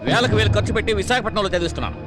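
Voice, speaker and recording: A man's voice: high voice, lively intonation, rapid-fire, over loud music. A stern, scolding village father. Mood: angry scolding. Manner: scolding, commanding. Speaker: strict father. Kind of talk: film drama acting. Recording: film dialogue over loud score.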